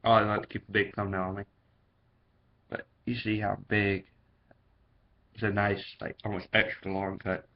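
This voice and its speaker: Man, deepish voice, lip stuffed with dip, casual reviewer, muffled low-fidelity audio. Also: little pitch movement, moderate pace, pauses often. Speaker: product reviewer. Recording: dull, lo-fi sound.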